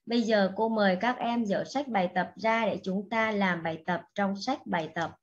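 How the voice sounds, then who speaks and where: A woman teaching an English lesson to young children, speaking slowly and patiently and repeating each word for the class to echo. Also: medium pitch, dull audio. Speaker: primary school English teacher.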